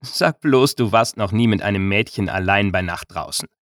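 A man's voice: fairly low pitch, normal speed, a bit bright, no echo, clean studio sound, close to an everyday voice. A male narrator voicing a bold, playful young village woman in an audiobook. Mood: teasing. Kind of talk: audiobook character reading.

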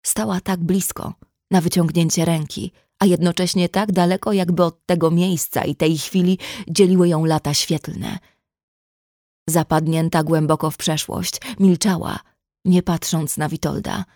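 A woman narrates a novel in a measured, emotive audiobook reading. Her voice sits fairly low. The sound is dry and close, with no room echo. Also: steady tone, mellow.

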